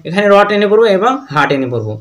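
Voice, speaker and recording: A man's voice: high voice, sing-song. A man with a Bangladeshi Bengali accent teaching Quran reading, spelling words out letter by letter and chanting the verses. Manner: slow letter-by-letter drilling with sung recitation.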